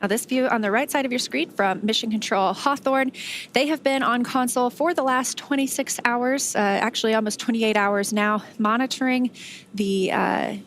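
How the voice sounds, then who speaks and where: A woman's voice: a little high, normal speed, a bit bright, slight background noise. Woman explaining a live space mission broadcast. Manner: conversational, explanatory.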